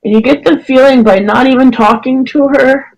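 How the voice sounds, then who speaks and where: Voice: high-pitched, fairly even intonation, brisk, gravelly, darkish tone, lo-fi sound. A dungeon master narrating a tabletop game in a hesitant way, with frequent fillers and restarts.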